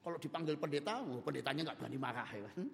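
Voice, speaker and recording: A man preaching a sermon and telling a story in an emphatic, animated way. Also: on the high side, rapid-fire, vocal fry, long reverb tail. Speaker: pastor.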